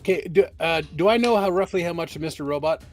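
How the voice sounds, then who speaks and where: A man's voice: fairly high pitch, fast, soft background music. A man talking casually as a player in a tabletop game, emphatic and informal.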